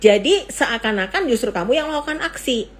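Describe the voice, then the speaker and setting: Middle-aged woman psychiatrist doing a casual live talk, kinda high voice, jokey, laughs a lot. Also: fairly quick. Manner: playful, laughs often, jokes in mock foreign gibberish; animated, swings between high excitement and low asides. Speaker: psychiatrist hosting a live mental health talk. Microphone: phone or laptop mic for an Instagram live.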